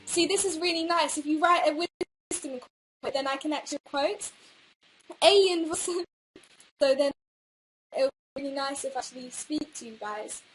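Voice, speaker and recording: A woman's voice: sits high, normal speed, slight background noise, low-quality recording. A young woman chatting casually on a livestream, reading out viewer quotes in a rambling, hesitant way.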